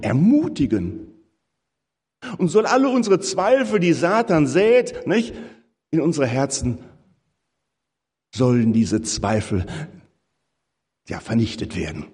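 A man delivers a sermon with a lively, swinging pitch, his voice a little husky. He leans hard into key phrases and speaks directly to his listeners. A long hall reverb trails behind each phrase. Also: takes it slowly, pauses often. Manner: lively, emphatic preaching that rises on key phrases; addresses listeners as "ihr Lieben". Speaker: preacher.

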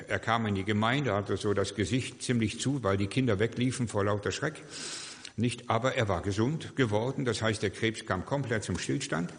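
An older man, a pastor, preaching a sermon and telling stories while acting out the voices of the people he quotes. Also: fairly low pitch. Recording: long hall reverb.

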